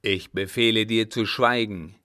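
A man's voice: lowish voice, fairly even intonation, measured pace, sharp tone, smooth. A man doing a harsh, menacing old captain. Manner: hard, commanding, menacing. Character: harsh, threatening old sea captain, male.

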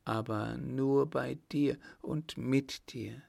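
A man softly voicing a weak wounded young wife. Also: medium pitch, fairly even intonation, takes it slowly, vocal fry, no room sound, full character voice. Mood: tender. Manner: soft, quiet and tender.

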